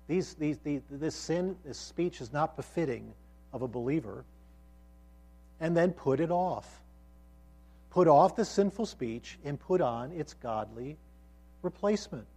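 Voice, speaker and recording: A man gives a sermon to a college group in a somewhat high, husky voice. He is earnest and emphatic, often stumbling over a word and starting again. He keeps checking in with his listeners as he teaches. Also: a little mellow. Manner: frequent restarts and repeated words. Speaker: college ministry pastor.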